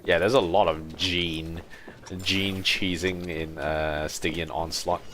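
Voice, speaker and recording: A man with a low, fairly bright voice speaks slowly and flatly, giving casual livestream commentary on a video game and often muttering to himself. He's a game streamer, with video game music playing behind him and slight background noise.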